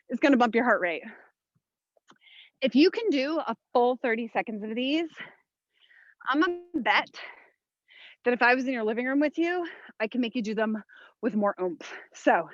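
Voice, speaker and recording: A fitness instructor with a high-sitting voice leads a follow-along workout, calling out short motivational commands and counts as she exerts herself, breathing and sighing audibly. The recording is muffled, with no room sound.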